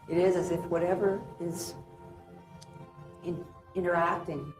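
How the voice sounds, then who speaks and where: A woman giving a measured documentary interview, her voice muffled and underwater-sounding from a poor stream of old tape. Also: low voice. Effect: muffled underwater-sounding audio from a bad stream. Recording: echoey old VHS tape playback with faint hiss.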